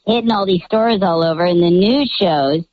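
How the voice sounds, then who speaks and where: Anonymous male caller, voice run through a pitch-shifting changer, cheery casual storyteller, muffled lo-fi line. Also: normal speed. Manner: cheery, chatty, lots of "like" asides. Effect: pitch-shifting voice changer disguising his voice. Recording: muffled lo-fi call audio.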